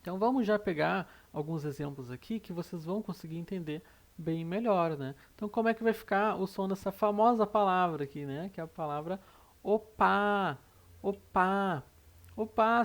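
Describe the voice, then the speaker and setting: A Brazilian-accented teacher talks through an online language lesson at a middle pitch. The voice has a gravelly, fry-laden edge. They lay out each rule patiently and keep checking in with short tag questions. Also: darkish tone. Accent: Brazilian Portuguese. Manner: explanatory, with frequent "né?" tag questions; repeats rules step by step.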